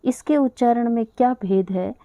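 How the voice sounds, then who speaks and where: A woman teaching a language lesson to children, patiently spelling out sounds slowly and repeating them. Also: on the high side, no echo, muffled recording.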